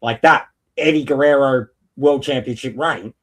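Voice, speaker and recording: A man's voice: mid-range voice, normal speed. A man in a casual, opinionated wrestling chat, talking in an emphatic, rambling, sweary way. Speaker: wrestling podcast panellist.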